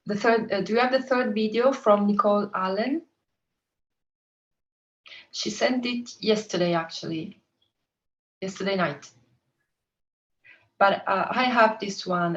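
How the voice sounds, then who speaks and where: A woman's voice: mid-range voice, muffled recording. A woman moderating an online roundtable, speaking hesitantly and politely. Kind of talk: online meeting chat.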